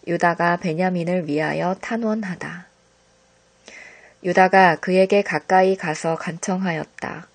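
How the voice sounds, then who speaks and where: A woman reading psalms and Bible passages aloud in a calm, measured devotional style. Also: lowish voice. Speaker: scripture reader.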